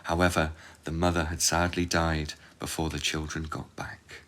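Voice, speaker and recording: A man reading a fairy tale aloud as a storyteller, in calm, measured narration. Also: very deep voice. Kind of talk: scripted narration.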